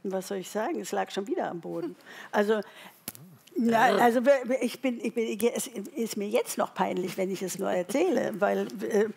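A woman in her sixties, a talk show guest, telling lively stories about her life. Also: mid-range voice, moderate pace, gravelly, husky. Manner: storytelling, lively. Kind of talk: casual chat.

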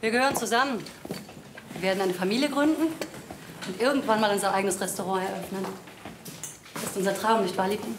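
A bubbly, affectionate young fiancée, played by a woman. She chimes in warmly and eagerly. The scene sounds roomy, with faint noise behind. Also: medium pitch, fast, long pauses, natural voice. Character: doting, cheerful young fiancée. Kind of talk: TV crime drama acting. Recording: echoey TV soundtrack.

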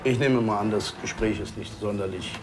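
A man's voice: on the low side, fairly quick, big-room sound, over music, close to an everyday voice. A man playing a police detective who questions in a probing, ironic, conversational way.

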